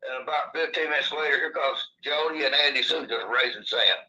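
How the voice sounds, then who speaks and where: In poor-quality audio, a man recounts his own experience as an interviewee, telling his story in a casual, rambling way. His medium-pitched voice is sharp in tone and fairly quick. Missing upper teeth give him a lisp.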